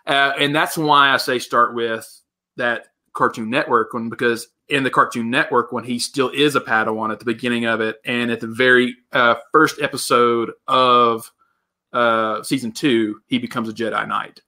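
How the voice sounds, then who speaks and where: A man co-hosting a podcast in casual chat, telling stories with quick asides. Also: medium pitch. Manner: animated storyteller, quick asides. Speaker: podcast co-host.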